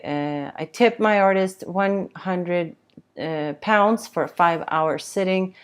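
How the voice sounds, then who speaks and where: A young woman hosting a casual livestream chat, reading out comments and rambling with many fillers and restarts. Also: deep voice. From Sweden. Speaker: tattoo livestream host.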